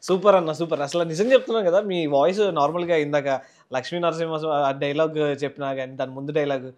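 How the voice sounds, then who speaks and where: A man's voice: fairly high pitch, steady tone, fast talker. A man interviewing a guest in casual chat, prompting with short questions. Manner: brief encouraging backchannels.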